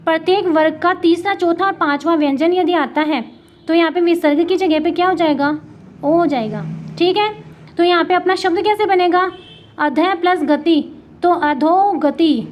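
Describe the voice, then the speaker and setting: A woman teaching Hindi grammar with a Rajasthani accent, asking and answering her own questions and spelling letters out one by one. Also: very high voice. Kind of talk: classroom lesson.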